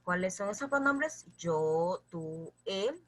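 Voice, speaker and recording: A woman with a medium-pitched, expressive, slightly bright voice teaches a grammar lesson at a slow pace. She patiently addresses her students, checks in with them often, and repeats lists for them to memorize.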